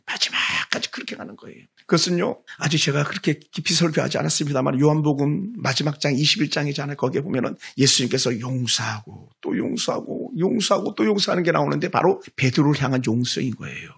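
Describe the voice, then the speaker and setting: Fast-talking gravelly male pastor preaching. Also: fairly high pitch, expressive, a bit bright. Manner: repetitive, emphatic preaching with frequent hallelujahs; speaks quickly. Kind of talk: sermon.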